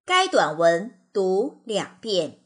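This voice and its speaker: A woman reading out exam instructions in a measured, formal way. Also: medium pitch, sing-song, fairly bright tone.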